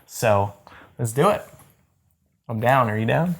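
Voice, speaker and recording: A man's voice: medium pitch, animated, unhurried, gravelly. A man in his thirties hosting a casual chat to camera, enthusiastic and rambling with lots of restarts. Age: 30s. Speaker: host.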